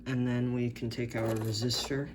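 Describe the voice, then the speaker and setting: Over a noisy background, a man with a medium-pitched voice and level tone speaks at normal speed while tinkering with a circuit. He's unsure and hesitant, repeatedly correcting himself, and is recorded on a camera's built-in mic.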